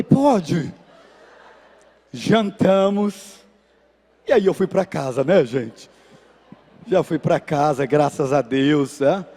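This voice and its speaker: A pastor with a gravelly voice that sits high for a man preaches in a church, speaking with a Brazilian Portuguese accent. Telling stories in his sermon, he animatedly acts out the people in them with lively shifts, and the sanctuary adds a long reverb.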